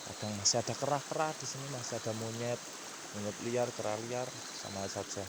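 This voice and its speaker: A young man from Indonesia, talking haltingly and casually as he guides a night exploration vlog, often repeating words. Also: mid-range voice. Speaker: vlogger, local guide. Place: outdoors at night beside a rural river. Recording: noisy outdoor recording with insects and stream. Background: crickets, insects, running stream.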